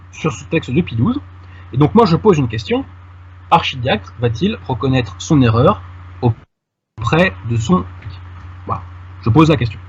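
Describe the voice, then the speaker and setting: Here a guest commentator with a slightly rough, high-leaning voice argues in detail on a radio-style show, casually addressing the host by familiar terms. The audio has its highs cut off.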